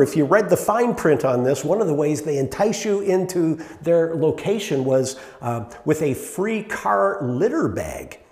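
A middle-aged man preaching a sermon in a relaxed, conversational way, with fillers and rhetorical questions to the congregation. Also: a little high. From Canada. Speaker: pastor. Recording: echoey hall with long reverb.

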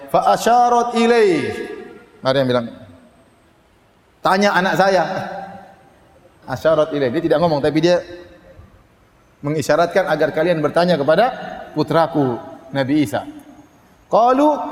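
Animated preacher in an echoing hall. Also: male voice. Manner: lively, dramatizes quoted voices with rising pitch, chants Arabic slowly. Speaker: Islamic preacher. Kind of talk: sermon storytelling. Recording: echoey hall reverb.

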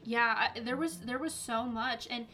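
A young woman with a fairly high, very bright voice speaks as a podcast guest. She tells personal stories casually, in emphatic, colloquial phrasing peppered with "like". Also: measured pace, a little hiss or hum. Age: young adult.

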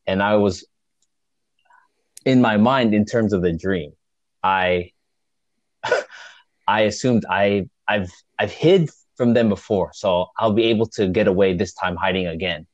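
A man casually recounting a story as a guest, with halting restarts and frequent chuckles. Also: on the low side, dry recording. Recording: dull lo-fi dry recording.

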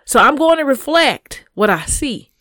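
A woman's voice: high-pitched, sing-song, a little slow, fairly bright tone, no echo, clean studio sound. A woman in her thirties chatting casually as a podcast co-host, speaking frankly and with emphasis, often checking in with "right?". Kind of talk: casual chat.

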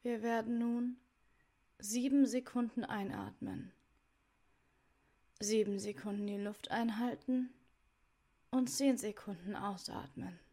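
A woman leading a guided meditation in a soft, soothing voice, giving measured instructions in short phrases that sometimes trail toward a whisper. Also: a little high, fairly even intonation. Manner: soft, soothing delivery with breathy, near-whispered phrase endings.

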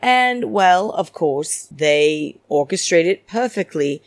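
A woman's voice: on the low side, animated, takes it slowly, no room sound. A woman hosting a solo reality TV recap podcast in a campy, theatrical, diva-like manner, opinionated and gossipy. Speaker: podcast host.

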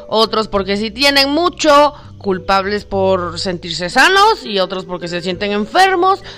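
Softly coaxing woman from Cuba. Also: on the high side. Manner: affectionate, calls the listener sweetheart; soft, coaxing, often drops to a hush. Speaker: spiritual guide. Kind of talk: spiritual motivational talk.

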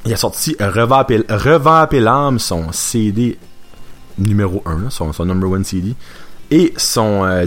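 Chatty radio host man. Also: on the low side. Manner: chatty, mixes in English words and slang. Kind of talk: casual radio chat introducing songs.

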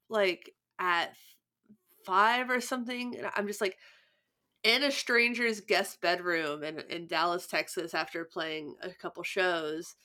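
Speaking at medium pitch with a fairly bright tone, a young woman co-hosting a podcast wanders through stories in casual chat. She restarts often and sounds congested, sniffling as she goes.

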